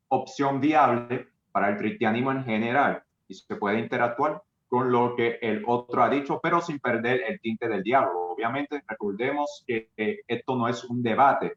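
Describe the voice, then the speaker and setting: A man moderating a church livestream, with formal, blessing-filled announcements over a video call. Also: medium pitch. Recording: echoey, dull lo-fi sound.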